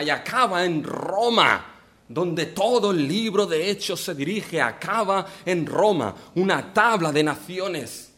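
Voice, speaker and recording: A man's voice: high-pitched, fairly bright tone. A man preaching a sermon, asking the congregation rhetorical questions and making playful asides. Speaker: pastor.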